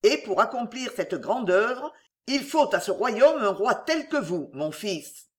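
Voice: mid-range voice, very animated, takes it slowly. A reader voicing a proud, fierce aristocratic mother who speaks in a fiery, declamatory way. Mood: proud, exalted.

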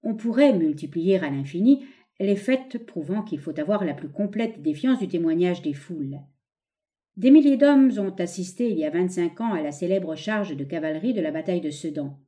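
A woman reading an essay aloud as scripted narration, expressive and leaning on key words. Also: on the low side, normal speed. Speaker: audiobook reader.

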